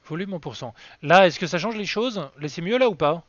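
A man's voice: sits high, animated, a little fast, no room sound. A man chatting casually on a game live stream, rambling and self-mocking with lots of fillers. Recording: dry, slightly dull lo-fi sound.

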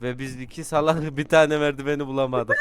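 Loud joking young man gaming. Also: a little high, steady tone, clear, resonant tone. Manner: loud, joking, swearing, repeats words rapidly. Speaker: gamer. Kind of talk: casual multiplayer game chat.

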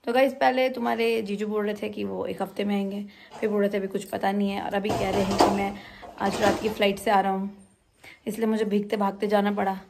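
A young woman vlogging at home, telling a lively story to her viewers in a casual chat. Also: medium pitch, a little fast, creaky, a little hiss or hum. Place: home, indoors.

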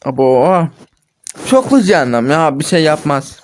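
A man with a fairly high voice talks through a mobile strategy game in casual commentary. He chats to his viewers, corrects himself often and sounds frustrated at his own mistakes. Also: normal speed, darkish tone, a little hiss or hum. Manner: chatty, self-correcting, addresses viewers as friends. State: frustrated after repeated mistakes. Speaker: gaming channel host.

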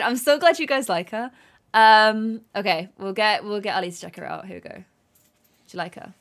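A young woman chatting excitedly while live-streaming a game, laughing often. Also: medium pitch.

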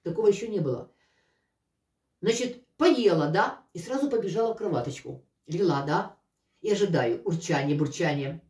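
A woman's voice: on the low side, lively intonation, normal speed, a little mellow. A woman. She chats emphatically like a home vlogger, repeating herself. The sound is echoey, with the microphone some way off. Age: 60s. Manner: emphatic, repeats phrases, uses affectionate diminutives. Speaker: weight-loss and cooking vlogger. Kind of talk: casual chat to viewers. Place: living room indoors. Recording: roomy echo, distant microphone.

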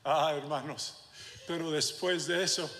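A male pastor preaching a sermon, moving between quiet asides and shouted passages, with English phrases dropped in. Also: a little high, fairly even intonation, a little slow. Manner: swings from soft to shouted preaching, with asides to the congregation. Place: church sanctuary. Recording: reverberant church hall with faint room noise.

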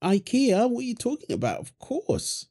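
Heavily acted with huge pitch swings, this man's very high-pitched, mellow voice moves at normal speed as he plays a young father feeding his infant daughter. It's a wholesome audio roleplay, playful and affectionate, with lots of laughing and teasing.

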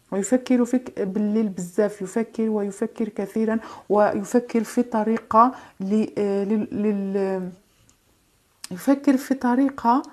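A woman giving a tarot card reading, in gentle, reassuring, drawn-out phrases with hesitations and French asides. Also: mid-range voice. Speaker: tarot reader.

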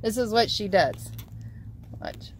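A woman hosts a casual, chatty travel vlog, filming herself on a handheld phone and cooing at the dog. Her medium-pitched voice has lively intonation and a slow pace. The phone recording is noisy.

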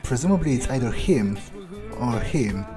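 Over music, a man with a mid-range voice and lively intonation speaks at a moderate pace while playing through a video game. Staying in character as part of the roleplay, he thinks aloud and muses hesitantly.

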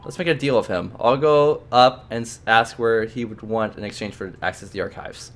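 A man playing through a narrative game, reading its narration and musing aloud about what to do next in a relaxed, casual way. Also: lowish voice, normal speed. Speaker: let's play host. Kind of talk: casual gameplay commentary and reading.

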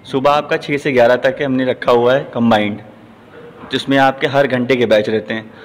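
A middle-aged man who owns a gym, answering a news reporter's questions in a plain, steady way and often saying "ji". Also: medium pitch, normal speed. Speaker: gym owner and trainer. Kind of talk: news interview. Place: large indoor gym. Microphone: handheld news mic. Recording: long hall reverb, faint noise.

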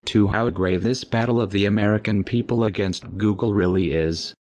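A man with a disguised deep voice reading an anonymous message as scripted narration, grave and steady. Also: normal speed, no echo.

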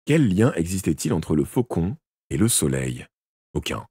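Guy reading an audiobook live, deep husky voice, super animated, fixes his slips as he goes. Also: moderate pace, no echo, clean studio sound. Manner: expressive first-person narration with occasional slips and self-corrections. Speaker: audiobook reader.

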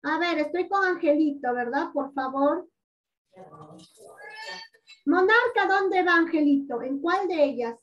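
A woman with a high voice teaches young children over a video call, patient and coaxing as she stretches out words for them. Her voice sits a little far from the mic and comes through dull and lo-fi. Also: expressive, measured pace, pauses often. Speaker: primary school teacher. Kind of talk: online class teaching. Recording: dull lo-fi audio, distant from mic.

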